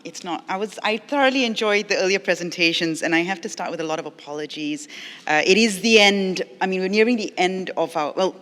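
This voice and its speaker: A middle-aged Malaysian lecturer and arts educator gives an earnest, explanatory talk at a public academic forum in a library event space, partly reading from notes and using frequent ums and uhs. The voice is mid-range, bright, and forceful, trailing a long reverb.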